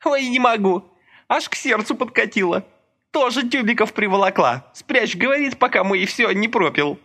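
A man's voice: high voice, lively intonation, normal speed, pushed and bright, pitched above the performer's own voice, full character voice. A man voicing a brash, mocking working woman. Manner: brash, sardonic, blunt.

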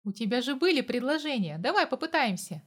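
A woman's voice: sits high, big pitch swings, a little fast. A woman reading as an eager, pushy young man. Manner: eager, talks in a rush. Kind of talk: audiobook character reading.

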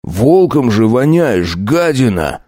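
A man playing a mocking, brutal werewolf bandit leader who talks slowly and sneers. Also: medium pitch, sing-song, warm tone, no echo, clean studio sound, pitched above the performer's own voice. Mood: sneering. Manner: slow, sneering, gloating.

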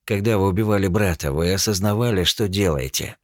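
A man voicing a middle-aged male psychotherapist in an audiobook, speaking in a measured, probing way. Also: low voice, dry recording, studio quality, pitched above the performer's own voice, lightly acted. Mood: clinical.

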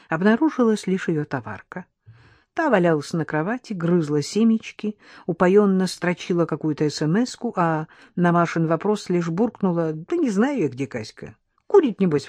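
An audiobook narrator reading a detective novel with expressive, lively intonation. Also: mid-range voice, dry recording.

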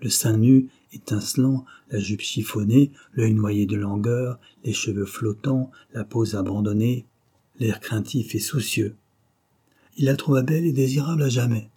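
A man reading a classic novel aloud as an audiobook narrator, measured and dramatic. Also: mid-range voice, fairly even intonation, dark tone, breathy edge.

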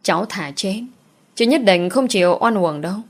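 A woman's voice: medium pitch, animated, moderate pace, lightly acted. A woman voicing a young woman who pleads through sobs and threatens through gritted teeth. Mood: firm. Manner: sobbing pleas, then teeth-gritted threats. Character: young woman, tearful then vicious.

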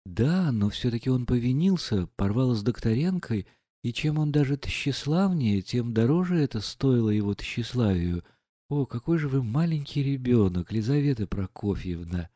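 A man reading an audiobook, voicing a gentle, naive young prince who speaks earnestly and mildly. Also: medium pitch, lively intonation, normal speed, no echo, studio quality, natural voice.

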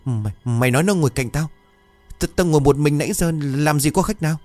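A man's voice: a little high, fairly quick, a little mellow, no echo, faint music behind, voice pushed up, close to an everyday voice. A man voicing a terrified old male landlord who stammers and barks orders. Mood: panicked.

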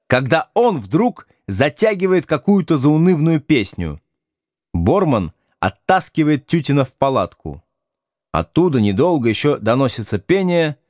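A man narrating a novel as an expressive audiobook reading. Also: a little high, no room sound, studio quality. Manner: lively, acts out the dialogue. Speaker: audiobook reader.

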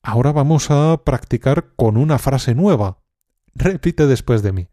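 A man teaching a language lesson, speaking calmly and deliberately with some hesitant fillers. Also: medium pitch, no room sound, clean studio sound. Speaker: Spanish teacher. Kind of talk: slow, clear language lesson.

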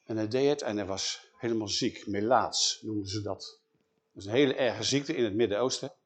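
A man retelling a Bible story in an animated way, often checking in with his listeners. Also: lowish voice, normal speed.

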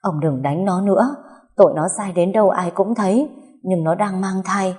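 Shrill sobbing grandmother, as a woman puts her on. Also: normal speed, breathy edge, long reverb tail, natural voice. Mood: anguished, furious. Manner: shrill shouting. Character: elderly grandmother, wailing and furious.

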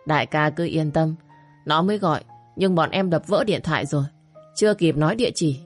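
A woman's voice: sits low, brisk, faint music behind. A woman voicing a swaggering young male thug who taunts and threatens in an audio story. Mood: taunting.

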